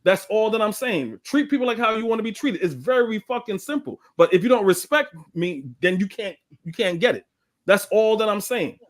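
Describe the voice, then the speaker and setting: A man's voice: high-pitched, lively intonation, brisk, dry recording, clean studio sound. A young man from Guyana on a debate panel, talking emphatically and indignantly, swearing freely. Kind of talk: heated live debate.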